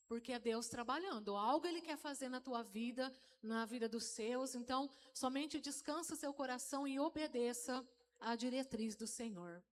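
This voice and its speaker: A woman's voice: high-pitched, slight background noise. A middle-aged woman from inner São Paulo giving a storytelling testimony to a live church congregation, often calling out to the brothers. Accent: Brazilian Portuguese, interior São Paulo. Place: church hall, live service.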